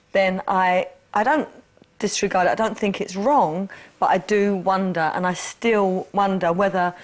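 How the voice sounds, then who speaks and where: An East London woman with an ordinary middle-pitched voice answers questions in a candid personal interview. As a guest, she's earnest and reflective, circling back and repeating herself as she thinks aloud.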